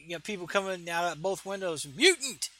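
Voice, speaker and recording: A man's voice: sits high, fairly even intonation, fast, a bit bright. A man co-hosting a casual podcast chat, animatedly retelling a comic book scene and acting out its characters. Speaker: podcast co-host.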